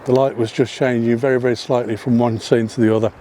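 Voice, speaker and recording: Talking fast in a mellow, mid-range voice with little pitch movement, a photography vlogger who is not Welsh chats his way along a hillside path above a seaside town, with frequent ums and self-corrections. The audio carries a little hiss or hum.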